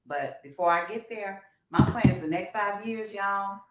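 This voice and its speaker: A woman in her fifties co-hosts a music talk livestream, encouraging her viewers in a lively, direct way. Her voice is medium-pitched and unhurried. The recording sounds roomy and echoey, with slight background noise.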